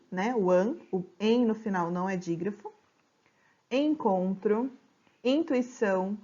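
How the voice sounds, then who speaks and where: A woman teacher giving a slide-based grammar lesson, explaining patiently and stretching example words out slowly. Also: medium pitch, a little mellow, muffled recording. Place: home.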